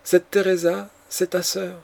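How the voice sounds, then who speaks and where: Vengeful desperate countess, read by a man, impassioned, pleading, gravelly tone, audiobook. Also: sits high, flat delivery, measured pace, a little mellow. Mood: intense.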